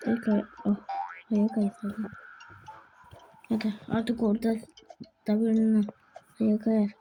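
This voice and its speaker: Slow-talking woman narrating gameplay. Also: on the high side, completely flat delivery, mellow, faint music behind. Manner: chatty, talks to herself and other players, quickly frustrated. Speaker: gaming channel host. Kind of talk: live gameplay commentary.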